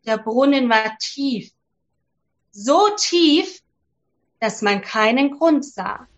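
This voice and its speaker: Slow, high-voiced woman reading a fairy tale. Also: highs cut off. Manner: slow, gentle and clearly spoken for children. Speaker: storyteller for children.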